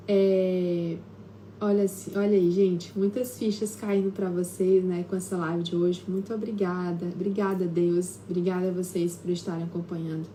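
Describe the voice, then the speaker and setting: A woman's voice: mid-range voice, warm tone, slight background noise. A woman with a Brazilian Portuguese accent, a therapist hosting a live stream from home, talks casually with frequent tag questions and hesitations. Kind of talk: casual live-stream talk, personal storytelling.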